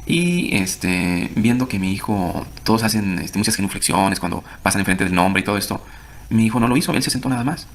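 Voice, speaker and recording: A middle-aged man giving a quick personal testimony, acting out what others said to him. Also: on the low side, lively intonation. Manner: rapid storytelling, acts out others' words in a raised voice. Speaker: former congregation member giving testimony.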